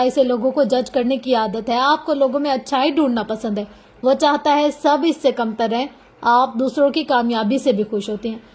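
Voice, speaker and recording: A woman voicing an earnest young male police officer who speaks gently and persuasively, in a storybook reading. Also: sits high. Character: earnest young man, police officer, calm and soft-spoken.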